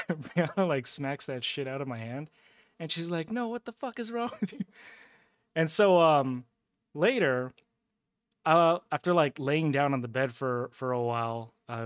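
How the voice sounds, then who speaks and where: A man's voice: mid-range voice, a bit bright, smooth, dry recording, studio quality. A man telling a loose, profane story on a casual gaming livestream, chuckling and sipping a drink as he goes. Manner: sips a drink between lines. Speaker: gaming streamer.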